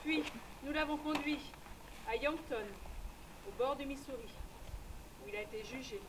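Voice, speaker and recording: A woman giving voice to a hard-riding frontierswoman who tells her own story in a brisk, matter-of-fact way. Her voice sits high, with faint noise in the background. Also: natural voice. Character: tough frontier woman recounting her adventures. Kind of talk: first-person scripted narration.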